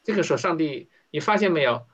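A man's voice: fairly high pitch, lively intonation, fast talker, a bit bright, breathy edge. A man leading an interactive Bible study, talking conversationally and often asking his listeners questions. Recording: dull lo-fi recording.

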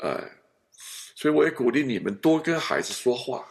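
A man's voice: medium pitch, moderate pace, gravelly. A male pastor in a counseling chat, telling family stories and acting out the scenes as he goes. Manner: animated storyteller, acts out family scenes.

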